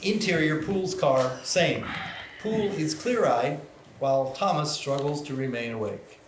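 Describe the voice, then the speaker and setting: At a live table read, a man with a somewhat high voice reads the stage directions as narrator at a measured pace. The scripted narration echoes around the event room, and background noise is clearly audible.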